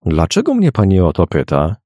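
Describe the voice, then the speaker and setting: A man voicing a young male painter in an audiobook, polite and measured, quietly cautious. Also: sits low, huge pitch swings, breathy edge, no room sound, clean studio sound, full character voice. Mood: guarded.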